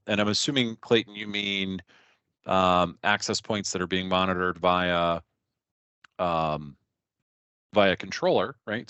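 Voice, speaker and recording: A man's voice: low voice, fairly bright tone, smooth, dry recording, highs cut off. A man hosting a product webinar in a casual, hesitant way, with many fillers and "right?" tags. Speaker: webinar host.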